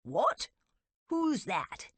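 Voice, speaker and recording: A pompous, eager young nobleman who talks loud and fussy, as a woman narrator puts him on in a romance audiobook. His voice sits high and bright, well above the narrator's own. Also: huge pitch swings, drawn-out words, husky, dry recording, heavily acted. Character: pompous eager young lord suitor, man.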